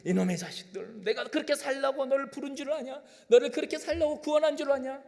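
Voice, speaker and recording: Scolding father played by a preacher: high, barking rebukes, big hall reverb. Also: fast, vocal fry. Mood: angry scolding. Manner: shouting rebukes in short bursts. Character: angry scolding father, a grown man berating his son. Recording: long reverb of a church hall.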